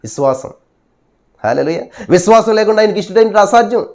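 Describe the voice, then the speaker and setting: A male preacher delivering a sermon, asking the listeners rhetorical questions, repeating "hallelujah", and swinging between loud and hushed delivery. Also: high voice, lively intonation, fast.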